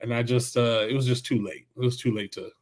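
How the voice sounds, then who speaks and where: Relaxed male former football player. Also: mid-range voice, fairly quick. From Bay Area, California. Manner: relaxed storyteller, acts out quoted coaches. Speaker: guest, former football player and high school coach. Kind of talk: casual interview storytelling.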